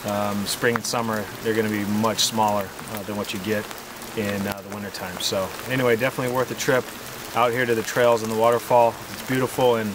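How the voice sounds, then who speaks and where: A man chatting casually in a travel vlog, relaxed and joking, with plenty of pauses and fillers. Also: on the low side. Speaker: RV travel vlogger. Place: outdoors on a forest trail in the rain. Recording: outdoor noise with rain.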